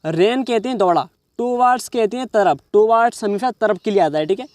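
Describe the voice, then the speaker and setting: In this English reading lesson, the teacher, a man with a high, slightly mellow voice, goes slowly through each word and gives its meaning in Hindi. Again and again he checks comprehension with "समझ रहे हो". There's no room sound.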